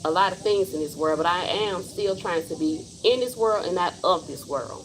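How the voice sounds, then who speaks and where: A woman's voice: mid-range voice, slight background noise, low-quality recording. A woman in her forties, hosting a casual livestream and speaking her mind bluntly and emphatically. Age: 40s. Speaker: livestream host.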